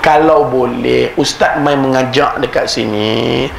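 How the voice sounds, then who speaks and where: A preacher voicing a soft-spoken older man from the congregation with a Kedah Malay accent, polite and hesitant, in an echoey prayer hall with background noise. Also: medium pitch, a little slow, vocal fry, pitched below the performer's own voice.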